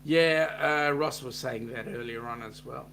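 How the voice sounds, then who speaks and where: A man's voice: medium pitch, unhurried, vocal fry, a little hiss or hum. A man with a New Zealand accent co-hosting a casual live chat, reading out viewer comments with plenty of ums. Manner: relaxed, reads out chat messages with filler ums.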